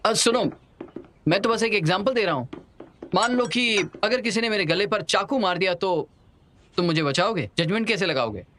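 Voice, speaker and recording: A high, teasing young friend. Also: male voice, normal speed, slight background noise. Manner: teasing, lively, chatty. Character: playful young man, teasing best friend. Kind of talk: Hindi dub of a drama.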